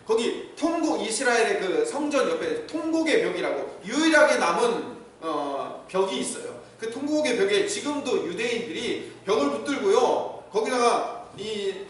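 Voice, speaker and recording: High-voiced pastor in an echoey church. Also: male voice, very animated, moderate pace, a little hiss or hum. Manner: teaching, asks the congregation questions. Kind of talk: sermon. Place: church sanctuary. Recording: echoey hall, mic from far off.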